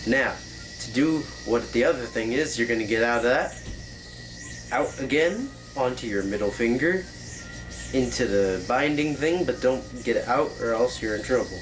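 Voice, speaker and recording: A man's voice: medium pitch, animated, normal speed, faint music behind, rough recording. A man hosting a casual, joking tutorial, explaining like a rambling professor who drifts into tangents and corrects himself. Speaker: tutorial host.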